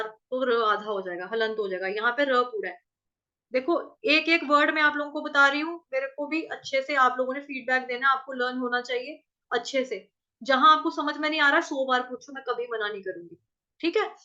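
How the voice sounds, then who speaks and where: A woman teaching Sanskrit verse pronunciation, patiently repeating syllables, chanting lines slowly and asking if everyone follows. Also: sits high, bright, forceful tone, dull audio. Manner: patient, repeats syllables and asks checking questions. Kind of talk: recitation lesson with chanted verse examples.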